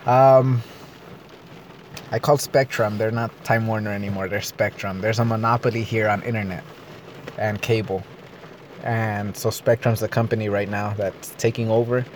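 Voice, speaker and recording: A man's voice: mid-range voice, slight background noise. A man ranting in a vlog, agitated, swearing and rambling. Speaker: vlogger. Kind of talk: profane personal rant.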